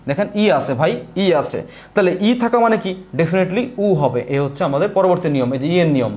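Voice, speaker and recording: A man's voice: fairly high pitch, lively intonation, fast, a little mellow. A young man giving a live online lesson, explaining step by step while he writes, repeating points and asking questions he answers himself. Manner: repetitive, asks questions and answers them himself. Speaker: exam prep teacher.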